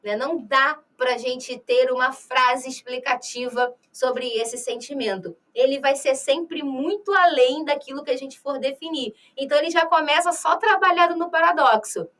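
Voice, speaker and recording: A woman's voice: high voice, fairly bright tone, far from the mic. A Brazilian woman teacher with a Rio de Janeiro accent, explaining poetry in a recorded lesson and often checking in with "né?" and "tá?". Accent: Rio de Janeiro Portuguese. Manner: explanatory, asks rhetorical questions, frequent "né?" and "tá?"; slow, drawn-out reading of verses. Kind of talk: recorded exam-prep lecture.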